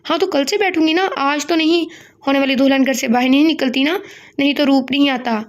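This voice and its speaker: A woman's voice: sits high, a little fast, close to an everyday voice. A woman reading aloud as a cheeky, talkative young bride-to-be, in a playful, teasing manner.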